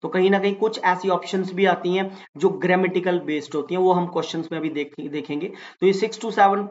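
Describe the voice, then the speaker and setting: High-voiced man teaching exam English. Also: fairly even intonation, a little fast, lo-fi sound. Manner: explains patiently, calls students "beta"; mixes Hindi with English example sentences. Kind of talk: exam-prep lecture.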